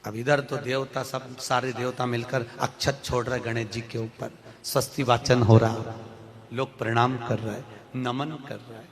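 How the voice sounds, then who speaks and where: A man's voice: mid-range voice, level tone, a little slow. A man preaching a devotional sermon, quizzing the gathering with questions and acting out dialogue between deities with rising emotion. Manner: calls questions to the crowd, acts out divine dialogue with rising emotion. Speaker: katha preacher. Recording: echoey hall with long reverb.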